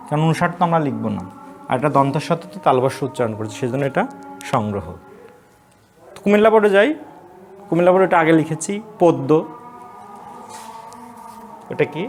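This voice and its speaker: A man from Bangladesh, a college Bangla lecturer, teaching pronunciation in an online class, repeating each word slowly and asking and answering his own questions. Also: on the high side, expressive, soft background music.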